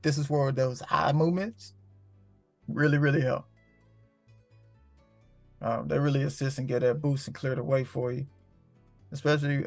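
A man's voice: mid-range voice, gravelly, a little mellow, no echo. A man hosting a casual spiritual talk, rambling and profane, heavy on street slang. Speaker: host.

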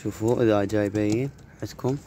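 A pigeon keeper running his own channel talks quickly and casually in a steady, lowish voice with an Iraqi Arabic accent. The vlog is shot on a handheld phone on an open rooftop with low brick walls, with faint background noise in the outdoor sound.

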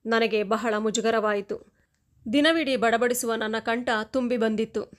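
A woman's voice: a little high, unhurried. Woman telling a heartfelt moral story. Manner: emotional, expressive storytelling with voiced dialogue. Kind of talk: first-person story narration.

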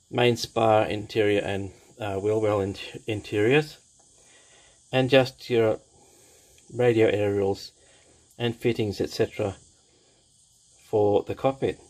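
A man talks slowly and unhurriedly through a scale model kit, speaking from behind an overhead camera at his hobby desk. He is casual and enthusiastic, often repeating his praise and pausing with small fillers. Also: mid-range voice, a little mellow, low-quality recording. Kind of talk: casual kit review, unscripted.

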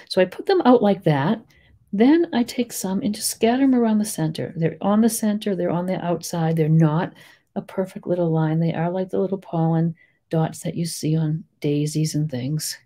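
A woman with a Boston accent giving a chatty, rambling step-by-step painting tutorial, full of gentle little asides. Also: sits low. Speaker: painting teacher.

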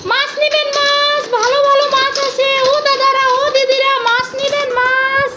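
A woman's voice: very high voice, level tone, moderate pace, roomy sound, a crowd in the background, pitched above the performer's own voice. Woman playing a sing-song street vendor. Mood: hawking. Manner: chanting, calling out to passersby.

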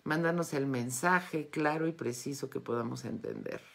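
A Mexican-accented woman in her fifties, a wellness and metaphysics teacher, hosts a live Q&A from her home study lined with bookshelves, chatting casually and effusively with followers. Her bass voice moves at normal speed with some vocal fry. She's picked up by a phone or tablet held at arm's length.

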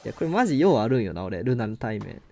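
A man with a Kansai accent giving excitable live commentary on his own game, exclaiming and laughing often. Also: on the low side, fast talker, creaky, slight background noise. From Kansai, Japan. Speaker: game streamer.

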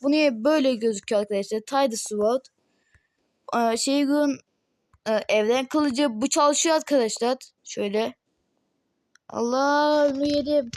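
Narrating a game mod showcase for her gaming channel, a young woman from Turkey rambles casually, packing in fillers and addressing viewers with "arkadaşlar" again and again. Her high, a little mellow voice has been altered and may sound odd, and the recording quality is low.

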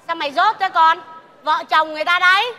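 A woman's voice: extremely high pitch, fairly quick, bright, forceful tone, some chatter behind. A brash, scolding mother-in-law. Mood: scornful. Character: bossy snobbish middle-aged mother-in-law. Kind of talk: stage comedy sketch. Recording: live stage mic, reverberant theatre with audience.

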